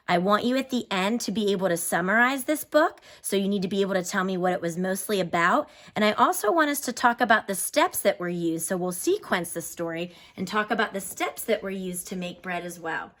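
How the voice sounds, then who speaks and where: With a mid-range, fairly bright voice, an elementary school teacher reads a picture book aloud with expression. Along the way she stops to explain vocabulary and pose instructive questions.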